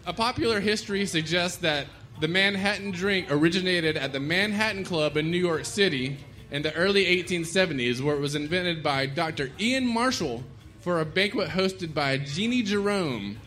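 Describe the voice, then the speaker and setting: Bright-voiced man hosting a bar game show. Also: high-pitched, expressive, normal speed. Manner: jokey, laughing between lines. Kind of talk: live comedy trivia hosting. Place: bar stage with a live audience. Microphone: stage microphone.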